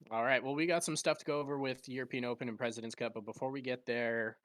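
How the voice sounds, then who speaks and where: A man's voice: medium pitch, steady tone, quick pace, a bit bright, dry recording. A man from Nevada hosting a podcast, reading out results in casual chat with a playful streak. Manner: reads out results, playful about stirring drama. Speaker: podcast host.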